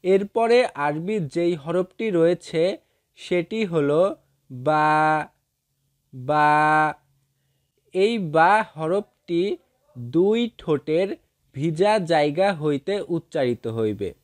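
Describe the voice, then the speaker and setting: Slow, deliberate male recitation teacher. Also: sits high, lively intonation, darkish tone. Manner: drawn-out letter sounds, repeats each one for listeners to follow. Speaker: Quran reading teacher. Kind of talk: slow step-by-step recitation lesson.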